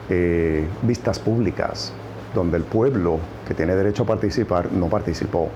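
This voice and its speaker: A man's voice: fairly low pitch, highs cut off, background noise. A man with a Puerto Rican accent giving political commentary on a news program, stressing points by repeating words. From Puerto Rico.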